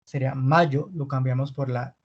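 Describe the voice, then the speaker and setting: A man teaching an online language lesson, patiently repeating words slowly for his students. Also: medium pitch, fairly even intonation, mellow, lo-fi sound. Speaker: Spanish teacher.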